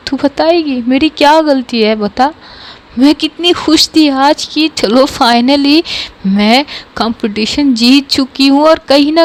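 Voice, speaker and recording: A woman voicing a heartbroken young woman who begs her lover for the truth, tearful and repeating herself. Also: fairly high pitch. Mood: anguished. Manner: tearful, pleading, repeating please. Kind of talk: storytelling narration.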